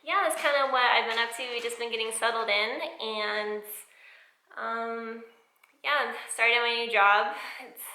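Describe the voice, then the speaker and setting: An American woman giving a casual, rambling vlog update in an informal, chatty way, recorded in an echoey room with high ceilings. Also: pushed and bright. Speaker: sewing vlogger. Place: indoors in new home, bare high-ceilinged room.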